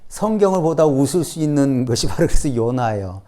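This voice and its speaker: A man preaching a sermon as pastor, telling the story lively and acting out the speakers, often turning to the congregation with short questions. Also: medium pitch, a little fast. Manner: acts out biblical speech in raised voice.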